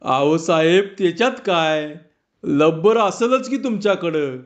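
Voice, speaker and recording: A man's voice: on the high side, unhurried, highs cut off, lightly acted. A man voicing a poor, humble village man who pleads in rustic village speech. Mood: pleading.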